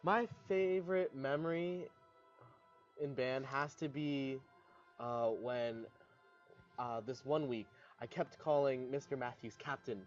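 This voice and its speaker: Relaxed, chatty teenage boy. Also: mid-range voice, slow, lo-fi sound, soft background music. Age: late teens. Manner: relaxed and chatty, with many fillers. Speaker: graduating marching band member. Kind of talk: casual interview answer.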